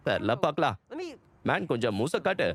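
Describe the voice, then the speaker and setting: A man's voice: medium pitch, very animated, a little fast. A man playing an urgent, exasperated agent partner in a dubbed action film. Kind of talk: dubbed movie dialogue.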